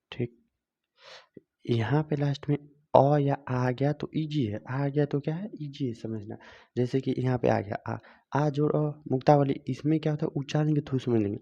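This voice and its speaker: A man's voice: mid-range voice, fairly quick, vocal fry, warm tone. A man teaching grammar in a video lesson, asking the viewer questions and answering them himself, repeating each step. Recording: dull lo-fi sound.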